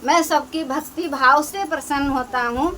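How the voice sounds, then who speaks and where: A woman's voice: high voice, moderate pace, slight background noise. Woman giving voice to a persistent disguised god. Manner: calmly insistent, repeats his demand. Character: god Shiva disguised as a pilgrim priest, persistent. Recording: distant mic, crowd around.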